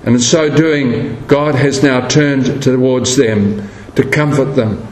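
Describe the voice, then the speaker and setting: A man's voice: mid-range voice, takes it slowly. A man preaching a sermon, telling stories and acting out the voices of the people in them. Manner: storytelling, acts out quoted voices. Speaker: pastor. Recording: echoey room with faint background noise.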